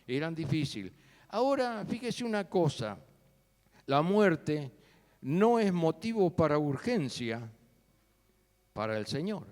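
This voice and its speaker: A man preaching a sermon, telling the story with sudden loud and soft turns. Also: fairly high pitch, very animated, takes it slowly, pauses often. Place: church sanctuary. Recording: long church hall reverb.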